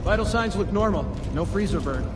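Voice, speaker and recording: A man playing an eager, nervous junior cryo technician in a video game, brisk and deferential. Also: high voice, expressive, noisy background. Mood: harried.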